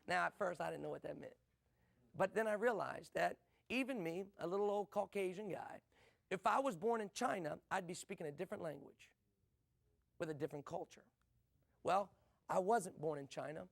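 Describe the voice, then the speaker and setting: A middle-aged man from the USA delivers a motivational business talk. His voice sits high and has a gravelly edge, and he drives his points with rhetorical questions and short repeated lines. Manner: rhetorical questions and quick punchy repetition. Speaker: business speaker.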